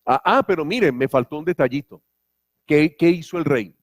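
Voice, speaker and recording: Animated, lively male preacher. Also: on the high side, normal speed, no room sound, clean studio sound. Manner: animated, humorous storytelling. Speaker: pastor. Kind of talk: sermon.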